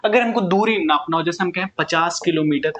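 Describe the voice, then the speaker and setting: High-voiced male teacher, questioning himself. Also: a little fast, a bit bright, highs cut off. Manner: asks questions and answers them himself, often says "bhai sahab". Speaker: physics teacher. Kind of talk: casual classroom lesson.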